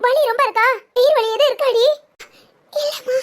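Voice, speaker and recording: A woman's voice: very high-pitched, fairly even intonation, fairly quick. A woman voicing all the characters of a village family drama, fussing and crying out in alarm. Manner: emotional, fussing, with cries of alarm.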